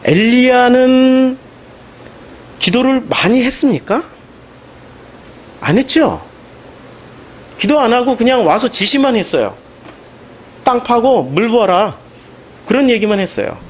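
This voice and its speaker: A man preaching a Sunday sermon as pastor, animated and emphatic, with questions put to the congregation. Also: extremely high pitch, unhurried, long pauses. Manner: animated, rising into emphatic questions and mocking quotes.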